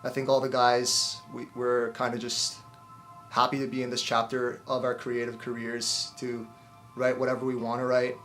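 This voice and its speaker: Band guy chatting loosely, flat tone, faint music behind. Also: mid-range voice, normal speed. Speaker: band member. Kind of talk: casual interview answer.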